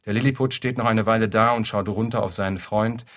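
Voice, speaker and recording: A man reading a literary story aloud in a dry, deadpan narrating manner. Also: on the low side, fairly quick. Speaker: reader.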